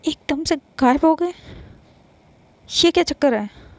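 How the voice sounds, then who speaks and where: A blunt young woman friend who scolds and frets, as a woman storyteller puts her on. Her voice is raised high and carries a gravelly crackle. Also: animated, slow pace, darkish tone, exaggerated voice. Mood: nervous. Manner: scolding, nervous.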